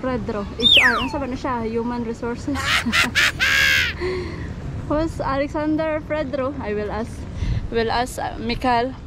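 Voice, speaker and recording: Filipino woman, 30s, high-pitched and chatty travel vlogger, arm's-length selfie sound, loud street noise. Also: very animated, unhurried. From Philippines. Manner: giggly and chatty, mixing Tagalog, Cebuano and English. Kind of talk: casual travel vlog. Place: outdoor city square on a sunny day. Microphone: selfie camera at arm's length.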